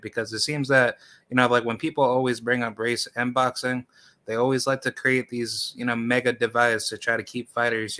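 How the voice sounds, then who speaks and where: A man's voice: medium pitch, bright, forceful tone. A man hosting a live stream interview, asking long rambling questions full of fillers. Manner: rambling, many fillers like "you know".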